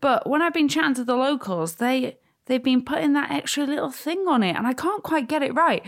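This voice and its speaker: A woman's voice: high-pitched, lively intonation, fairly quick. A young woman from North Wales co-hosting a travel vlog, chatting casually and teasing her partner. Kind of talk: casual chat.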